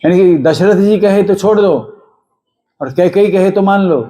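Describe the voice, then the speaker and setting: A man's voice: high-pitched, steady tone, normal speed, mellow. A man giving a devotional discourse, asking his listeners rhetorical questions and chanting scripture verses now and then. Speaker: religious storyteller.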